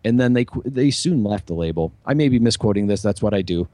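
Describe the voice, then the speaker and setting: A man's voice: fairly low pitch, expressive, fast, mellow, no room sound. A man talking casually as a musician and podcast host, rambling with many fillers and restarts. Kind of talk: casual chat.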